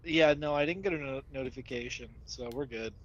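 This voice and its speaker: A man's voice: medium pitch, fairly quick, muffled recording. A man co-hosts a casual podcast, his voice sitting in an ordinary middle range. He talks in a laid-back, joking way, full of easy banter. Faint noise hangs behind him. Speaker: podcast co-host and editor.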